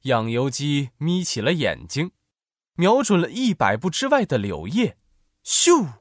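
A man narrating a children's story in an expressive, animated way. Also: a little high, a little slow, no echo, studio quality.

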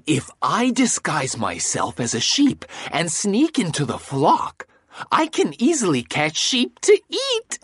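Storybook big bad wolf, woman voicing, scheming and smug, slow husky delivery, dry close sound. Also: on the low side, wildly swooping pitch, no echo, full character voice. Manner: gloating, cackling, exaggerated. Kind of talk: storybook audio acting.

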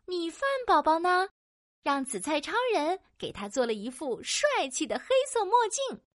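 A woman narrating a children's audio story in a playful, animated way with sound-effect words. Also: high voice, normal speed, dry recording, studio quality.

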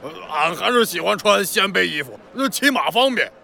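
A man's voice: high voice, lively intonation, moderate pace, creaky, sharp tone, exaggerated voice. A man playing a blustering, clumsy-tongued warlike minister with an in a children's audio drama. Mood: reluctant grumbling. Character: blustering rustic warlike male Xianbei minister.

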